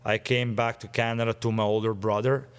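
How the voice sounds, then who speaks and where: A man's voice: fairly low pitch, level tone, fairly quick, clean tone. A man in his forties, a guest telling stories in casual chat, eager and rambling with frequent chuckles. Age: 40s.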